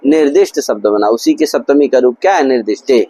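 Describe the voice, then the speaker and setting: A man's voice: medium pitch, lively intonation, a little fast, dark tone, rough recording. A man teaching Sanskrit grammar in a classroom lecture, drilling his students with constant repeated questions. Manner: repetitive, drilling explanations. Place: gurukul classroom.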